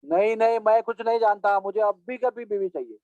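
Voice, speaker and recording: A man's voice: sits high, fairly quick, no echo, pitched above the performer's own voice, close to an everyday voice. A man voicing the child Krishna, a little boy who pleads stubbornly and tearfully. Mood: whiny. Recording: tinny phone-like sound.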